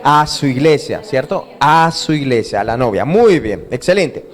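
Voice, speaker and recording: A man's voice: medium pitch, very animated, moderate pace. A male pastor preaching an interactive sermon, asking his congregation questions and having them call out and repeat the answers. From Colombia. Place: church hall.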